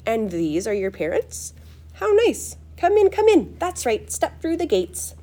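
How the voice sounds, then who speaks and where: A woman plays an excitable, eccentric old man who owns a factory in a storybook, using a high, fluty voice at normal speed. She gushes with effusive exclamations, full of delight.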